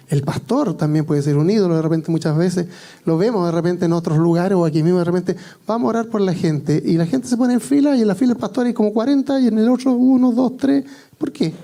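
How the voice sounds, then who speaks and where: Bright-voiced Chilean preacher man. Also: sits high. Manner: joking, conversational storytelling. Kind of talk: sermon with personal anecdote.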